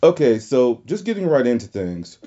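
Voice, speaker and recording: Southern American male talk show host, mellow voice. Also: mid-range voice, sing-song, moderate pace, lo-fi sound. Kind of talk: casual interview podcast hosting.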